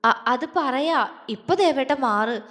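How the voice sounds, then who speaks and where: A woman's voice: high voice, lively intonation, takes it slowly, fairly bright tone, heavily acted. A woman voicing a playful young wife who coaxes and teases. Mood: coaxing. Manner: coaxing, teasing. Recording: long reverb.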